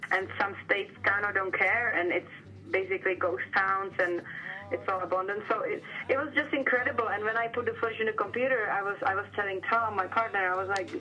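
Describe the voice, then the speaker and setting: A woman's voice: medium pitch, fairly even intonation, a little fast, pushed and bright. A woman from the Republic, a filmmaker talking casually in a documentary interview, with lots of fillers. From Czech Republic. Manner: casual, hedging with filler words. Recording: dull sound with faint music.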